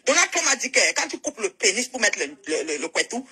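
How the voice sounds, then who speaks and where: A woman hosting a live-stream debate, keeping order in a brisk, bossy way. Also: a little high, very animated, pushed and bright, husky.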